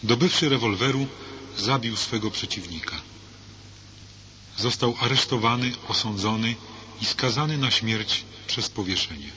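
A man reading a religious book aloud in earnest, measured narration that turns to direct preaching. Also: fairly low pitch, pushed and bright. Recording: dull lo-fi with faint hiss.

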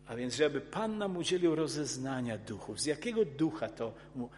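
A man preaching a sermon in an earnest, emphatic way, often restarting his words and rising into forceful outbursts. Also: medium pitch, sing-song, moderate pace, a little hiss or hum. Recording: long hall reverb.

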